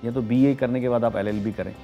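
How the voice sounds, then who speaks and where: A middle-aged man with a Pakistani Urdu accent, an astrologer reading horoscopes on a studio talk show, explaining things in a measured way with frequent hesitations. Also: mid-range voice, steady tone, lo-fi sound, soft background music.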